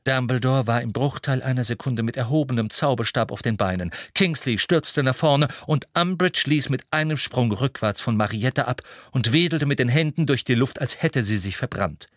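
A man narrating an audiobook in an expressive, varied reading. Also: medium pitch, moderate pace, few pauses, no echo, studio quality.

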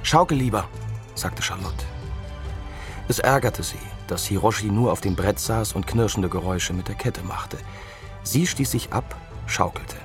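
A man reading a novel aloud as narrator, in a calm, even storytelling manner. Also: on the low side, a little slow, over music. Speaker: audiobook reader. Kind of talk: scripted narration.

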